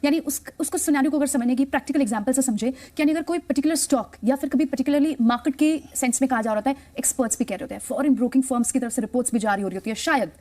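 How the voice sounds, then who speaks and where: A woman's voice: sits high, racing, few pauses, warm tone. A woman hosting a TV business show, speaking in a polished way and summarizing her guest's points. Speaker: TV show host.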